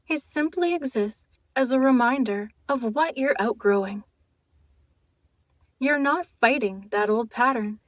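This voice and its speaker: In a dry recording, a woman with a voice on the high side leads a guided hypnosis session. Her tone is gentle and intimate, calm and measured, and quietly commanding in a mesmerizing way.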